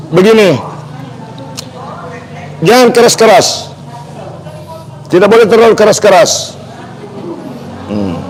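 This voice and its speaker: A man's voice: high voice, poor audio. A man with an Indonesian accent demonstrating reflexology massage on a live stream, chatty and joking as he repeats each instruction.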